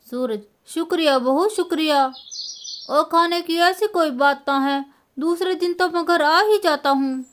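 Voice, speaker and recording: A woman voicing an elderly, kind village uncle who speaks slowly and gently, giving blessings. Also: extremely high pitch, a little hiss or hum. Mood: kindly. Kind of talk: storybook voice acting.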